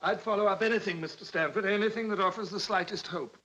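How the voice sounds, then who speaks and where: A man acting an anxious middle-aged father in a 1950s film drama, pleading in a halting, insistent way. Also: high-pitched, pushed and bright, low-quality recording. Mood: subdued, earnest. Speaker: actor. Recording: old film soundtrack, music underneath.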